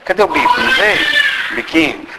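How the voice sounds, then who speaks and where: A man's voice: a little high, wildly swooping pitch, a little fast. A man giving a spiritist sermon, speaking straight to the audience and asking many rhetorical questions. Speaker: spiritist lecturer. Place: hall of a spiritist centre. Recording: reverberant hall with faint background noise.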